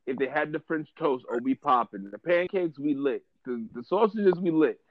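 A man's voice: a little high, lively intonation, normal speed, no room sound, phone-quality sound. A man co-hosting a podcast over a call, talking in laid-back slang. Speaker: podcast co-host. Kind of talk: casual chat.

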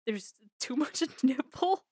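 A woman's voice: high-pitched, lively intonation, takes it slowly, darkish tone, slightly rough, dry recording, clean studio sound. A woman co-hosting a casual movie chat, blunt, opinionated and playful. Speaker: podcast co-host.

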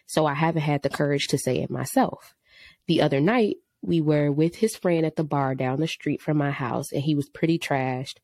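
Woman podcast co-host, deep register, dry studio sound, reads letters and gives direct advice. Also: moderate pace, a little mellow, no echo. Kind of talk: casual chat.

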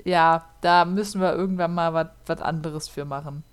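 A woman with a deep, clear, resonant voice co-hosts a podcast, casually chatting and telling a true crime case at a moderate pace with a steady tone. She's a chatty storyteller who laughs often and leans heavily on fillers.

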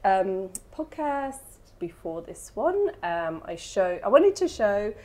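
A woman's voice: mid-range voice, sing-song, takes it slowly, warm tone. Laughing woman hosting a podcast. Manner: laughs often, describes wines vividly. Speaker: podcast co-host. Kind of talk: casual podcast chat.

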